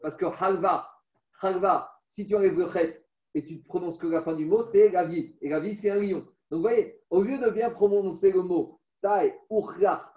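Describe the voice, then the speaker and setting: High-voiced man teaching a text class. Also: moderate pace. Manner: chants text aloud, then explains with stories. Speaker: religious teacher. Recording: roomy, distant, dull recording.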